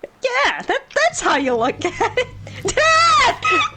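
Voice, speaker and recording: High-voiced woman doing let's play commentary, sarcastic, slow and bouncy. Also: wildly swooping pitch, loud music behind the voice. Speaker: game streamer.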